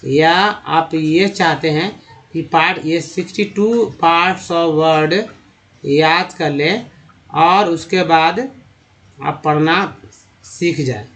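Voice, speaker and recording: A man with a Hindi accent teaching how to read English from slides, on the higher side for a male voice. He breaks words into parts and sounds each one out slowly, repeating words several times. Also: a bit bright, rough recording. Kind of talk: slide-based phonics lesson.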